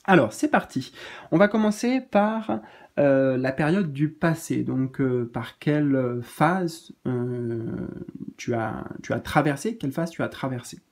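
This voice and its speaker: A man giving a gentle, reassuring spiritual card reading in a casual spoken style, pausing often with fillers. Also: medium pitch, lively intonation.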